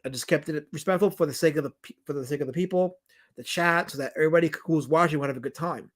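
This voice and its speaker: Fast and fairly bright, his slightly high voice carries a New York accent as he hosts a livestream Q&A. The documentary director rambles through viewers' comments, stressing points, backtracking and repeating.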